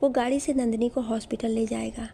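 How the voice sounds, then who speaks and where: A woman's voice: on the high side, steady tone, fairly quick, creaky, mellow. A woman storyteller voicing a polite, helpful young woman in a spoken storybook.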